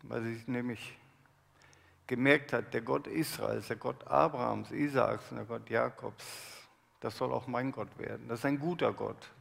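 A man preaching a sermon, reading scripture aloud slowly and with emphasis, then explaining it. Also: medium pitch, steady tone, gravelly, fairly bright tone, long reverb tail.

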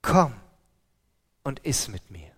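A man voicing a calm, patient divine guest who speaks quietly and reassuringly. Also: a little high, measured pace, lightly acted.

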